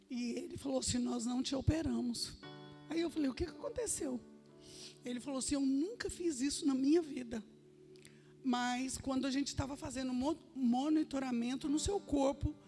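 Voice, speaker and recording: Uma mulher dá seu testemunho num culto da igreja, contando a história com seriedade e citando as falas dos outros na própria voz. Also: female voice, sits high, mellow. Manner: earnest storytelling, quoting others in her own voice. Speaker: church member giving testimony. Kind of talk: testimony in a church service. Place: church sanctuary.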